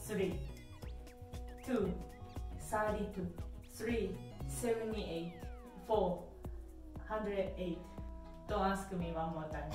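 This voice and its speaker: A young woman, a native Japanese speaker with a Japanese accent, playfully hosting a casual quiz in English as a second language. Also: mid-range voice. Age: young adult. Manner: playful, giggly. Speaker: quiz host. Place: small indoor bathroom. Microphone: camera a few steps away. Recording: echoey bathroom, distant microphone, music behind.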